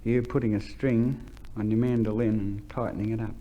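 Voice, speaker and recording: A man's voice: lowish voice, fairly even intonation, a little fast, lo-fi sound, a little hiss or hum. A man competing on a radio quiz show, giving short, modest answers. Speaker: quiz contestant. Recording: old radio broadcast with music.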